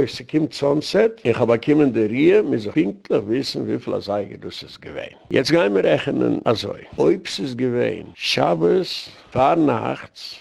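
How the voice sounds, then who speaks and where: A man's voice: mid-range voice, gravelly, darkish tone. A male rabbi giving a patient religious law lecture, explaining step by step and restating his points. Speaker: rabbi teaching a lecture series.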